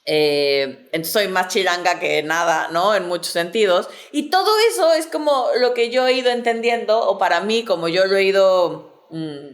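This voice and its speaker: A woman in her early forties from southern Mexico and Mexico City, with a Mexico City accent, chats casually and reflectively about herself. Her voice is medium-pitched, with lively intonation, a moderate pace, and few pauses.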